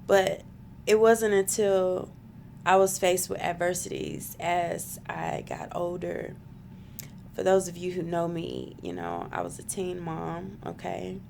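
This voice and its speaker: Woman, 30s, vlogger, emotional spiritual testimony, slow unhurried delivery. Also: lowish voice, creaky, background noise. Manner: earnest, emotional, spiritual storytelling. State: close to tears. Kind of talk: personal testimony to camera.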